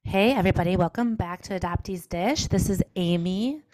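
A woman's voice: fairly low pitch, brisk, a little mellow. A woman recovering from the flu with a sick voice, co-hosting a podcast and speaking in an earnest, reflective way. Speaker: podcast co-host and trauma therapist. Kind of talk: casual podcast conversation. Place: remote recording, apart from co-host.

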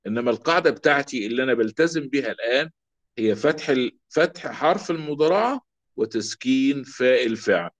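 A man with an Egyptian Arabic accent teaching a grammar lesson, slowly repeating example words to drill them. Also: medium pitch, expressive. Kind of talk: classroom lesson. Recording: dull lo-fi recording.

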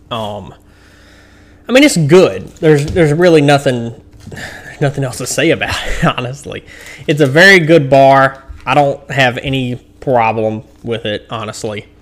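A bright-toned man talks through a snack review in a loose, rambling way. He restarts his sentences and fills gaps with ums. He keeps chewing candy between his thoughts. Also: medium pitch. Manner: eating and chewing while he talks. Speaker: host of a candy-rating show.

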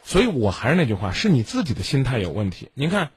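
Brief: husky male radio advice host, blunt and lecturing, very lively delivery, dry sound. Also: mid-range voice, fast talker, no echo. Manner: blunt, lecturing, rhetorical questions.

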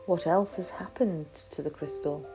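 A woman guiding a crystal meditation in a slow, soft, soothing way. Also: lowish voice, music in the background, low-quality recording. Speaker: meditation guide.

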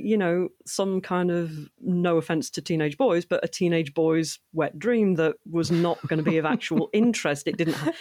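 A woman chatting as a podcast guest, animated and quick to laugh, often restarting her sentences. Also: on the low side, dry recording, studio quality. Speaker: podcast guest, fan voice actor and writer. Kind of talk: casual interview conversation.

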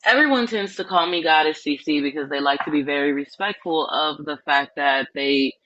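A woman's voice: low-pitched, moderate pace, fairly bright tone, slight background noise. Woman guest, earnest storytelling, frequent ums, lo-fi muffled audio. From New Orleans, Louisiana. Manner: earnest, reflective, many ums and restarts. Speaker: spiritual life coach, podcast guest. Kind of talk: personal storytelling in an interview.

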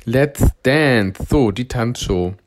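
Ein Mann moderiert ein lockeres Gespräch, redselig und mit ironischer Begeisterung. Seine Stimme liegt in einer mittleren Lage, weder tief noch hoch. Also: male voice, medium pitch, slow, background noise. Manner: chatty, enthusiastic and ironic. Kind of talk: casual chat.

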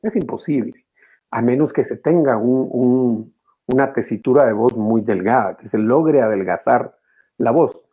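A man, a voice actor and teacher, explaining his craft as an interview guest in an animated, demonstrative way, swinging his pitch widely. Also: unhurried, husky, narrow, tinny audio.

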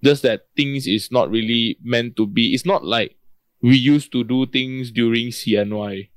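A man's voice: medium pitch, unhurried, no echo. A man with a Malaysian English accent chatting casually in colloquial Singlish style, peppered with lah, man and bro. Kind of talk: casual chat.

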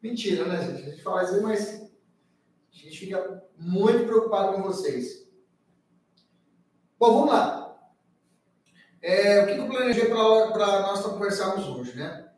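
A man's voice: high voice, animated, unhurried, long pauses, darkish tone. A man teaching a live online exam-prep class in a chatty, informal way, often tagging sentences with a questioning 'tá?'. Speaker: law teacher. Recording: very echoey room, far from the mic.

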